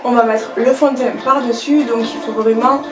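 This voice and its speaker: A woman's voice: a little high, steady tone, normal speed, roomy sound. A woman, chatting her way through a makeup tutorial and explaining each step. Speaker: beauty vlogger. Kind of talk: casual makeup tutorial narration.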